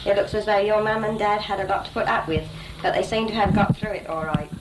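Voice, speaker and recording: A woman's voice: mid-range voice, fast. A young woman giving an informal, slightly self-conscious message to relatives. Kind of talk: informal spoken letter to relatives. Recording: noisy amateur home tape.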